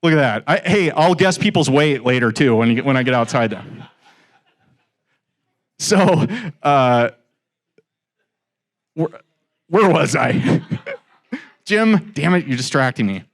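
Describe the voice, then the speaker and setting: Speaking slowly with frequent pauses, this forties-aged guest speaker addresses a live audience in a room at an investor meetup. His medium-pitched voice is expressive, and his informal talk is chatty and full of jokes, with teasing asides aimed at listeners.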